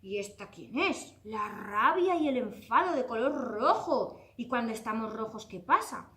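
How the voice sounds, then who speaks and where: Animated woman telling a children's story. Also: a little high, unhurried, echoey room. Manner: expressive, exclaiming, addressing children directly.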